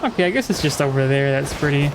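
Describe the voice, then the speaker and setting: A man's voice: fairly high pitch, expressive, fast, noisy background. A man giving casual let's play commentary as he reacts to a video game. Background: video game music.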